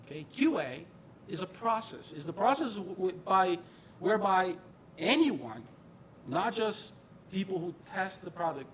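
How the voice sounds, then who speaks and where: Very animated and a little slow, this man's high, fairly bright voice carries a slight hiss or hum. He's a middle-aged quality engineering manager, Brazilian-born and raised in northern New Jersey, presenting casually at a tech meetup in a meeting room, stressing points by repeating phrases.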